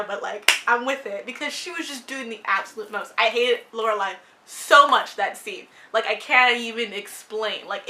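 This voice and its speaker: A woman's voice: on the high side, bright, forceful tone. A young woman reviewing a TV show in casual, opinionated chat, blunt and sarcastic, swearing freely and saying "like" a lot.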